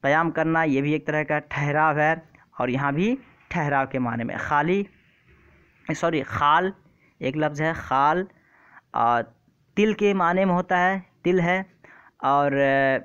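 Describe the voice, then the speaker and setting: A man's voice: a little high, takes it slowly, long pauses, a bit bright, clean tone, muffled recording. A man teaching an exam-prep vocabulary lesson online, who often repeats terms and keeps asking his viewers questions. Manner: repeats words and quizzes the viewer.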